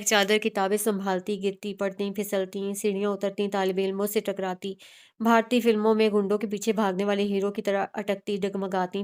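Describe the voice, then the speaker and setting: Woman, novel narrator, smooth resonant voice, steady expressive reading. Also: medium pitch. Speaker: audiobook narrator.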